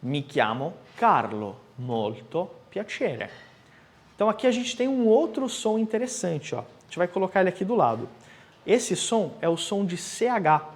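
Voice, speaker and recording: Male language teacher, fairly high animated voice, patient careful explainer. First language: Portuguese. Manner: explains slowly, repeats phrases with exaggerated articulation. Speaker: Italian teacher. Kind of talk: language lesson, modeling pronunciation for repetition.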